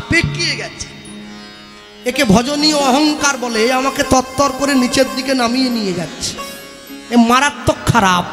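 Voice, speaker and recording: A man preaching a devotional sermon, asking rhetorical questions and bursting into shouts. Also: very high voice. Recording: long hall reverb with sitar music.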